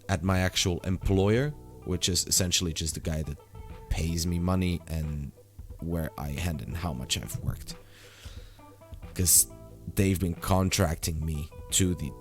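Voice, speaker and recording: Young man, sore throat, very low voice, rambling casual vlog, faint music behind. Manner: rambling, many fillers and restarts. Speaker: vlogger. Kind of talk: casual daily vlog update.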